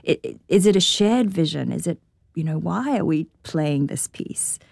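A woman's voice: sits low, lively intonation, normal speed, gravelly, darkish tone, slightly rough, no room sound, studio quality. A woman with a New Zealand accent, a conductor speaking in a radio interview, thoughtful and full of rhetorical questions.

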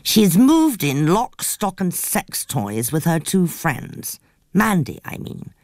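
A dramatic, gossipy woman who feels sorry for herself, her voice climbing high and dropping low in wide, showy swings, as a woman narrator puts her on. The recording is close and dry. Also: very animated, slow pace, a little mellow, dry recording, heavily acted. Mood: rueful gossip. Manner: gossipy, self-pitying, theatrical. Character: flamboyant, rueful woman fleeing her own house. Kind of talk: audiobook character voice.

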